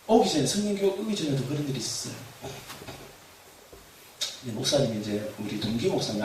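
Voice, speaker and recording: A man preaching a sermon as pastor, animated, shouting refrains and laughing as he tells stories. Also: medium pitch. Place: church hall. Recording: echoey hall, far from mic, faint noise.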